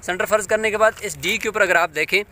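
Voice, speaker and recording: A man's voice: high-pitched, quick pace, pushed and bright, slight background noise. A man teaching a hands-on demonstration, patient and step by step, often asking his listeners to check along.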